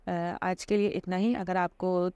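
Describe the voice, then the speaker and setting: A woman's voice: fairly low pitch, level tone, dark tone, smooth, dry recording, muffled recording. A woman giving an informal religious lesson, explaining patiently with frequent fillers and check-ins. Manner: patient and explanatory, with many fillers and repeated "theek hai". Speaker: Islamic teacher.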